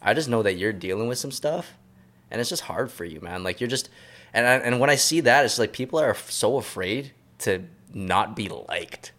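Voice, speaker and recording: A man's voice: lowish voice, animated, moderate pace, fairly bright tone. A man in his early thirties, a podcast host, talking in a reflective, laid-back way in a casual chat. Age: 30s.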